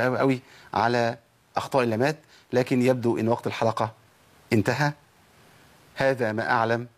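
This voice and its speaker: A middle-aged man with an Egyptian accent teaching Quran recitation rules, lively and quizzing his viewers with questions. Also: mid-range voice. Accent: Egyptian Arabic. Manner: lively, addresses viewers directly with rhetorical questions. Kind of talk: televised tajweed lesson.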